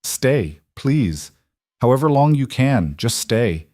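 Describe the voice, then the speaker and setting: A man voicing a guarded, lonely frontier woman who speaks softly and haltingly in an audiobook story. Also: medium pitch, big pitch swings, no room sound, studio quality, voice pushed up. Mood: gentle.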